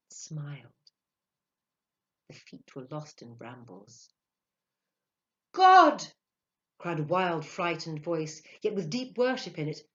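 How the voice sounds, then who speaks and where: Low-voiced woman narrating a story. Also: muffled recording. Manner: expressive, dramatic, hushes for awe. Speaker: audiobook narrator. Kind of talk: literary audiobook narration.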